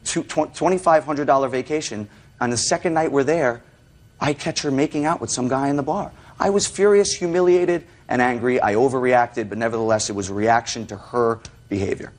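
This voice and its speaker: A man's voice: medium pitch, a little fast. A man testifying as a litigant in a TV courtroom, indignant and self-justifying, with stiffly formal wording and hesitations.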